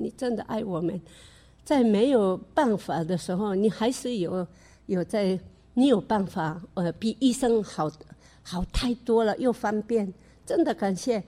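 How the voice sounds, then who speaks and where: An older woman giving a personal faith testimony in an earnest, halting way, with frequent restarts and fillers. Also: medium pitch, dark tone. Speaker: church member giving testimony.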